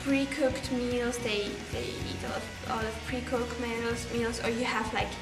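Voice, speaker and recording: In an echoey room with music playing behind her, a teenage exchange student from Belarus, a native Russian speaker, answers interview questions in English. Her voice is fairly high and level, at a normal speed, and her answers are full of fillers and restarts.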